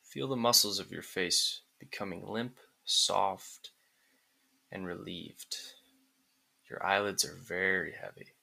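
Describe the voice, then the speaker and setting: A man narrating a guided relaxation script like a sleep story, in calm, soothing, deliberate phrases with pauses. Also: low voice, vocal fry.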